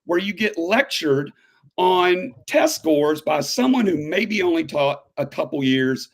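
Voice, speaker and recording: A man in his fifties with a fairly high voice talks as a guest in an interview. He is animated and emphatic, speeding up as he makes his points and pushing his pitch up on pointed questions. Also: a little slow. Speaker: high school history teacher, guest. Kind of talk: conversational interview.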